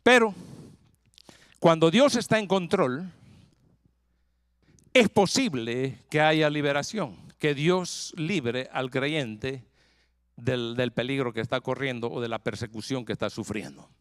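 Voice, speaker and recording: A man preaching a sermon as pastor, retelling a scripture story in a lively way with frequent rhetorical questions. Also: mid-range voice, slow pace, long pauses, clear, resonant tone, dry recording. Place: church in Texas.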